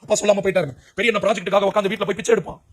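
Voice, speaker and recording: A man's voice: high voice, steady tone, very fast. A man preaching an emotional testimony sermon, speaking with urgency and crying out to young listeners. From Puducherry, India. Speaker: preacher giving his testimony.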